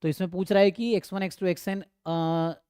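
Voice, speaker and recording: A man's voice: high voice, fairly even intonation, a little fast, mellow, clean tone, no room sound, clean studio sound. A man teaching statistics, walking through exam problems and checking in with his students often. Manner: explanatory, frequent "है ना" check-ins, mixes English terms. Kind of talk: exam problem walkthrough lecture.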